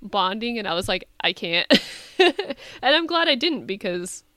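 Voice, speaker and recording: A woman's voice: on the high side, measured pace, no room sound, clean studio sound. A young woman co-hosting a podcast, telling stories casually with lots of likes and laughter. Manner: animated storyteller, laughs often, says like. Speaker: podcast co-host. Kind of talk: casual chat.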